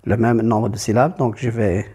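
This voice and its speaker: A man's voice: lowish voice, fairly even intonation, moderate pace, dark tone, breathy edge. A man teaching a poetry lesson, explaining step by step and repeating key terms.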